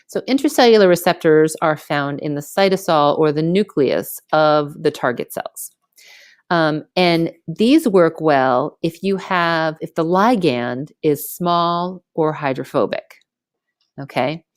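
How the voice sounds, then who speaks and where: A woman's voice: low-pitched, slow, clean tone, no room sound, studio quality. A woman teaching biology in a screen-recorded lecture voice-over. She talks casually, explains step by step and keeps checking in with "okay?". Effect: screen recording narration over slides.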